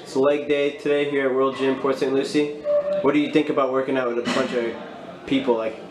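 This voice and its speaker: A man hosting a gym vlog, asking a lifter quick questions in an upbeat way. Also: medium pitch, little pitch movement. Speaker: vlog host. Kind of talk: casual gym interview. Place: large busy gym, indoors. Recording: roomy gym with clear noise.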